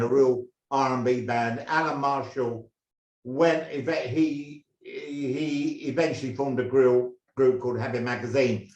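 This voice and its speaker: An older man from England, a former drummer, telling stories in a halting, rambling way with many restarts. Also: mid-range voice, a little mellow. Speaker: guest, former band drummer. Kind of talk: casual interview storytelling. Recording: roomy echo.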